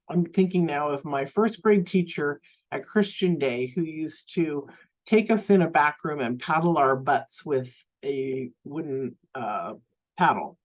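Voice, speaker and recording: A woman teaching a live online self-love class, speaking gently and unhurriedly, often restarting phrases and using fillers. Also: deep voice, lo-fi sound.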